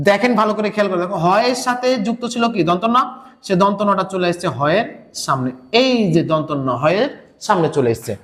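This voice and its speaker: A man with a rather high voice and a Bangladeshi Bengali accent teaches a recorded lesson for exam students. He breaks each point down step by step and slowly repeats words so students can copy how they sound.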